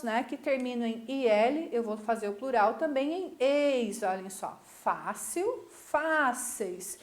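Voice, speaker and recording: A Brazilian woman teaching a recorded school lesson in a high, bright voice. She goes patiently step by step and keeps checking that her students follow along. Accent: Brazilian Portuguese.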